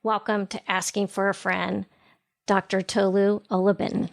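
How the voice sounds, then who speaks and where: A middle-aged woman hosting a podcast, introducing a guest and asking questions in a measured, deliberate way. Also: mid-range voice, level tone, gravelly. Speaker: podcast host. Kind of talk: scripted intro and interview questions.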